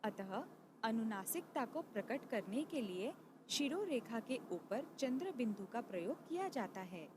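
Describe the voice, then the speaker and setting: A woman's voice: on the high side, big pitch swings, unhurried, background noise. A woman teaching a grammar lesson, reading out definitions and carefully enunciating each letter.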